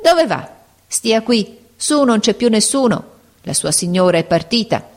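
A woman's voice: on the high side, very animated, measured pace, a little mellow, pitched above the performer's own voice. An older woman concierge talks down with ironic, imperious authority and a suspicious edge, voiced by a woman reading the book. Her tone is knowing and commanding.

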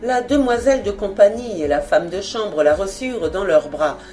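A woman narrating an old-fashioned novel aloud in an expressive storytelling manner. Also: lowish voice, moderate pace, soft background music. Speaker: audiobook narrator.

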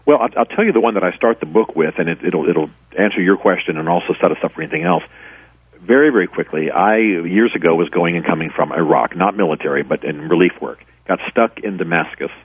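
Deep husky man on a tinny phone line. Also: fast, no echo. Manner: earnest, rambling, with many restarts. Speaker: author and former pastor, guest. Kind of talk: radio interview storytelling.

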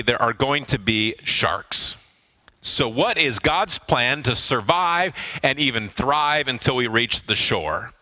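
Bright-voiced man preaching a sermon. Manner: preaching with emphatic pauses, dropping low on key words. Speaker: pastor. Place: church hall with congregation.

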